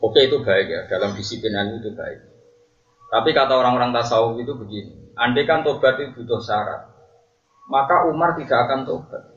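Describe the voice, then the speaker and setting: A man with a Javanese accent leads a religious lesson, mixing jokes and frequent laughter with slow, chanted verses. His voice comes from a distance and echoes around a large hall. The sound is dull and muffled. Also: medium pitch, fairly bright tone. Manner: joking, laughing often, chanting Arabic verses slowly. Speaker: religious teacher. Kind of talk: religious study lecture.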